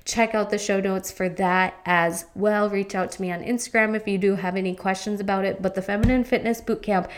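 A woman's voice: medium pitch, steady tone, brisk, few pauses. A young adult woman hosting her own podcast, talking in a chatty, rambling, upbeat way into a studio mic. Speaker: podcast host and fitness coach. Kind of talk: casual podcast chat.

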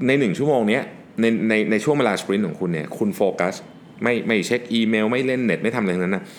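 A man with a low, deep voice gives a relaxed solo talk on working better. He explains things casually, slipping English work terms into his sentences. A faint background noise sits under his voice. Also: fast talker. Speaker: podcast host and business owner.

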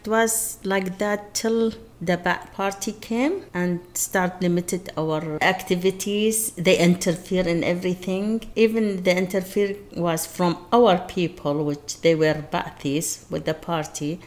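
A woman in her sixties, raised in Iraq, tells her story in plain, halting English. Her voice sits a little low, and her phrasing is simple and direct. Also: fairly even intonation. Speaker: interview guest. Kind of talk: personal life story interview.

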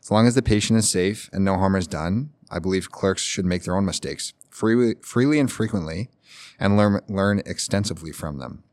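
Deep-voiced young man, close dry mic. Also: moderate pace, a little mellow, no room sound. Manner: joking, playful. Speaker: podcast guest, medical student. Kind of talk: reading a quote, then casual chat.

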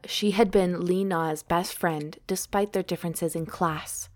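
A woman's voice: lowish voice, fairly even intonation, a little slow, darkish tone. A woman co-host reading a novel aloud, with casual commentary along the way.

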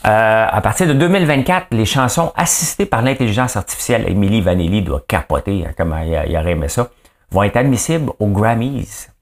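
A man's voice: lowish voice, animated, fairly quick. A man with a Quebec French accent hosting a daily news podcast, commenting casually in a rambling, chatty way with many fillers and asides.

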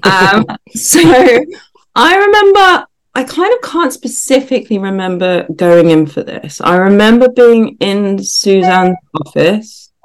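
A woman's voice: mid-range voice, animated, a little slow. A woman guest on a podcast, reflecting on memories in casual chat.

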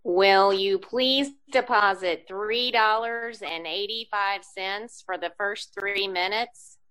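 Woman acting a slow, bright telephone operator. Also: medium pitch. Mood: brisk formality. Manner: formal, measured. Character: formal, businesslike female telephone operator. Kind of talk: radio drama acting. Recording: amateur video call recording.

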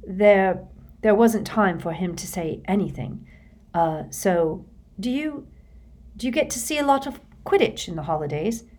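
An awkward, flustered teenage boy, as a woman reader puts him on, speaking quietly and nervously. His hesitant talk stumbles over itself in a storybook reading. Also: medium pitch, sing-song, unhurried, husky, heavily acted.

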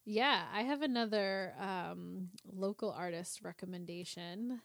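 A woman co-hosting a podcast in casual chat, chatty and quick to laugh. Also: mid-range voice, creaky, no room sound. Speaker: podcast co-host.

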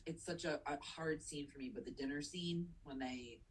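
A woman's voice: deep voice, normal speed, a little hiss or hum, poor audio. A woman co-hosting a podcast in casual movie chat, emotional and enthusiastic, swearing casually. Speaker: podcast co-host.

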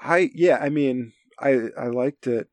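A man co-hosting a casual film discussion from his home, speaking in hesitant, halting phrases with a creaky voice. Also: mid-range voice, no echo. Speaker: podcast co-host. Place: home basement. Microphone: recorded at his end of an internet call.

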